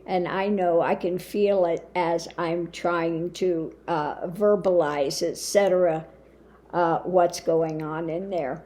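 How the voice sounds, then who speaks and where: Her voice is low, warm and strained, lowered and limited since throat surgery, and she speaks slowly and haltingly with plenty of fillers. She hosts a spiritual channel, talking casually to camera, with a little hiss or hum in the audio.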